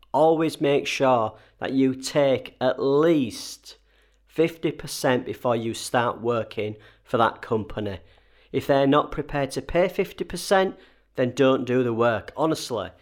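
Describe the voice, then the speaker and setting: A man with a slightly wheezy, chesty voice, getting over a cold, hosting a conversational solo advice episode with emphatic key points. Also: mid-range voice. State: recovering from a cold and chest infection. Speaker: host advising freelancers.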